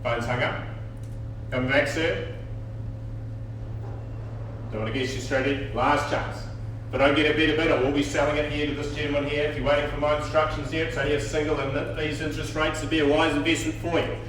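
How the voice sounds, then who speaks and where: A man's voice: a little high, little pitch movement, fairly quick, pauses often, a bit bright. A man working as an auctioneer, calling bids to a room and repeating figures and calls in auction patter. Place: indoor auction room, live stream. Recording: echoey room, distant mic, faint noise.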